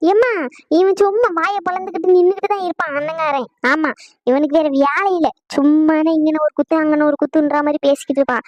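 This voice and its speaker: A woman voicing a loud, bossy young sister, quarrelsome and quick. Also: sits high, steady tone, dry recording, lo-fi sound, close to an everyday voice.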